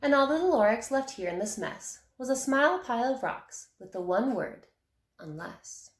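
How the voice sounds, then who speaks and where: A woman teacher reading a rhyming picture book aloud with an expressive, rhythmic delivery. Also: high-pitched, moderate pace. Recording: echoey room.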